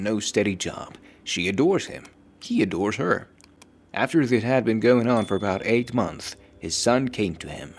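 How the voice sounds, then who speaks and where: A man reading a scripted story aloud as narrator, in a steady, measured storytelling delivery. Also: fairly low pitch.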